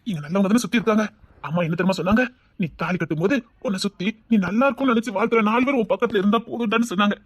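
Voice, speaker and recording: Devoted young groom, male actor. Quick, earnest and reassuring. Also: high-pitched, no echo. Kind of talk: Tamil web-series drama acting.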